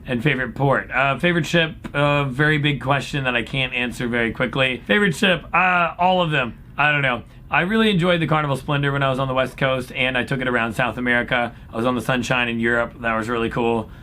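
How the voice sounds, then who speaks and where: A man's voice: fast talker, few pauses, bright, forceful tone. A man speaking as an upbeat, folksy cruise director, casually answering questions in a laid-back chat. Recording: clear background noise with low rumble.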